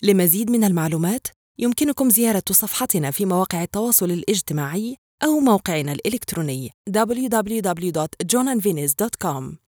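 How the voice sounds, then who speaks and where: Brisk, polite woman reading phone prompts. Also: medium pitch, animated, dark tone, no echo, studio quality. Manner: polite, formal, clearly enunciated. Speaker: phone system voice prompt announcer. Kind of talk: scripted phone menu prompts.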